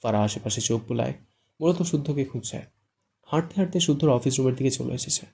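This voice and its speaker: Gravelly, dark-voiced male narrator. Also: mid-range voice, quick pace. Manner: even storytelling. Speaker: audiobook narrator. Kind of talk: scripted narration.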